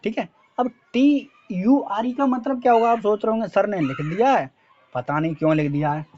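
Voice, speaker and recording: A high-voiced male teacher with a Hindi accent speaks at a moderate pace with a darkish tone, over dull audio and slight background noise. At the board, he teaches spoken English, spelling words letter by letter and answering his own quiz questions.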